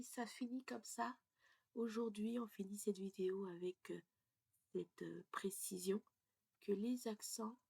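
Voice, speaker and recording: A woman gives a casual French pronunciation lesson slowly and deliberately, explaining step by step and checking in with her students with "ok?". Her voice is medium-pitched, darkish, gravelly and husky, and now and then slips into a breathy half-whisper.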